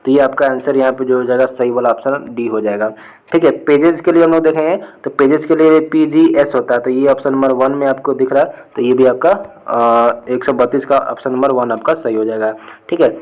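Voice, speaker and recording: A man's voice: mid-range voice, level tone, brisk, a little mellow, rough recording. A young man tutoring students through exam answers in a casual lesson, checking in with "okay" after nearly every point. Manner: repeats "ठीक है" often, talks students through answers.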